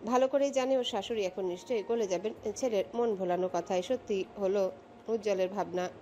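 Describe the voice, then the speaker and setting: A woman narrating a romantic audio story in a steady, expressive storytelling voice. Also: mid-range voice, brisk, slight background noise.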